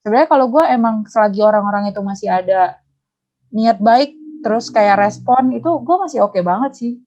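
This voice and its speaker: A young woman chats casually on a podcast, telling a story and acting out phone calls with lots of slang and lively voicing. The audio sounds dull and lo-fi, typical of a home podcast recording. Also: mid-range voice, a little fast. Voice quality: animated, acts out both sides of phone calls, slangy. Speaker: podcast guest, debt collector.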